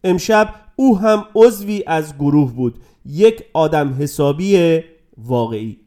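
A male storyteller reading a story aloud in a measured, dramatic way. His voice sits high for a man. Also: lively intonation, warm tone. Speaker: narrator. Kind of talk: storybook narration.

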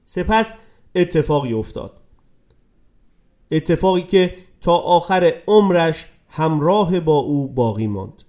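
A man narrating a dramatic story in a scripted reading, dropping to a hush and rising with emotion. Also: a little high, animated. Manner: dramatic, swings between hushed and raised voice.

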